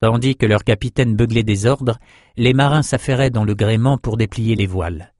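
A man narrating a fantasy novel as an audiobook in a steady, even storytelling manner. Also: on the low side, moderate pace, no room sound, studio quality. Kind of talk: scripted narration.

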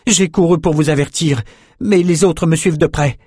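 A man's voice: medium pitch, moderate pace, dry recording, studio quality, voice pushed up, lightly acted. A man voicing a frightened, distraught palace guard in an audiobook, urgent and pleading. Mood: panicked. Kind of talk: audiobook character voice.

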